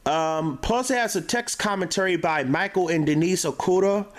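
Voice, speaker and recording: With a slightly high-pitched voice, a show host reviews DVDs in a casual, off-the-cuff video with a homemade feel. He reads aloud haltingly, tripping over words and starting them again.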